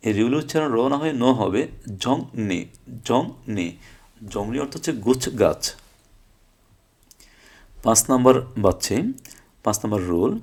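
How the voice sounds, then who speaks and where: Male language teacher walking students through rules, repetitive, quizzing tone answered by himself. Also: mid-range voice. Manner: asks rhetorical questions and answers them; repeats phrases, checks in with "okay?". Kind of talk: explanatory lesson.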